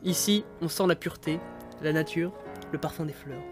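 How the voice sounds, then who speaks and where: An actor playing a solemn male spirit who judges souls in purgatory, speaking in measured tones. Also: a little high, roomy sound, over music, close to an everyday voice.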